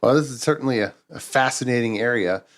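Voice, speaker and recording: Male podcast host, mid-pitched, easygoing interviewer. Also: fast. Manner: conversational, asks questions. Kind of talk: casual interview talk.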